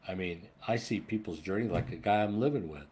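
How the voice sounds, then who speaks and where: Man, 60s, low-pitched; earnest, meandering spiritual vlogger with casual swearing. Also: a little fast, a little mellow. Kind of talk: rambling spiritual monologue.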